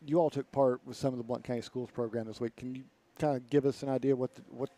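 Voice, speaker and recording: A man's voice: mid-range voice, fairly even intonation, quick pace, warm tone. A man hosting a sports radio show, asking friendly, conversational questions. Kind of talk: radio interview.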